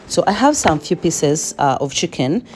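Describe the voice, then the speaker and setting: A woman's voice: low-pitched, sing-song, normal speed, darkish tone, faint music behind. A woman home cook giving a chatty cooking voice-over with playful asides.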